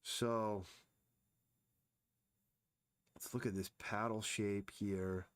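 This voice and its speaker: A man's voice: on the low side, flat delivery, slow, no room sound. A man casually thinking aloud as he sketches and explains anatomy during a live drawing stream. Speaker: artist streaming his drawing.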